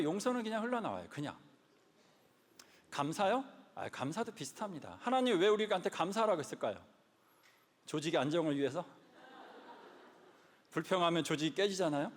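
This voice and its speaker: Man in a big hall, animated storyteller-preacher, pitch swings widely, reverb trails his words. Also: moderate pace, pauses often. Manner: animated storyteller, repeats lines for emphasis. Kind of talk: lively sermon-style talk.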